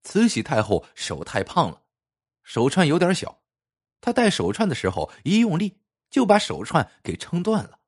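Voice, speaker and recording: A man's voice: a little high, wildly swooping pitch, moderate pace, husky, full character voice. A man voicing a tearful, beaten servant of a magistrate's office in a folk tale, complaining as he explains. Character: whimpering male yamen runner, beaten.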